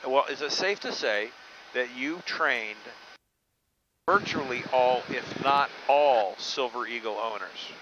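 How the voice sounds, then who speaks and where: A man's voice: medium pitch, lively intonation, slow, fairly bright tone. A man hosting a casual flying vlog from the cockpit, with hesitant, conversational phrasing. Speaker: pilot and video host. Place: small aircraft cockpit in flight. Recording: muffled cockpit audio with faint noise.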